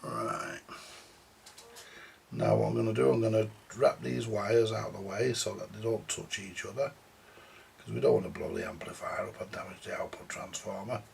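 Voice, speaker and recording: This man, a vintage audio repairer filming a workbench video, talks to himself casually in a mutter as he works on audio gear. He speaks at a moderate pace in a steady, lowish, somewhat mellow voice, with clear background noise and clicks behind him.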